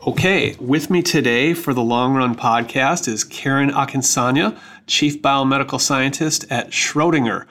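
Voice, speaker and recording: Male podcast host, medium pitch, conversational interviewer and promo reader, faint music at times. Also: normal speed, fairly bright tone. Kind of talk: casual interview with scripted promo reading.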